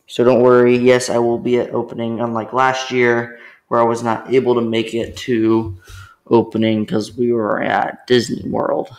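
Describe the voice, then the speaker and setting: A man's voice: lowish voice, gravelly. A young man narrating his theme park vlog as a voice-over, eager and rambling, often restarting his sentences.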